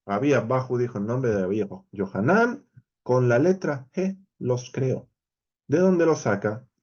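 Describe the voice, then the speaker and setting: A man's voice: mid-range voice, expressive, measured pace, darkish tone, muffled recording. A man with a Spain Spanish accent teaching a verse-by-verse Bible study lesson, explaining animatedly and speaking straight to his viewers.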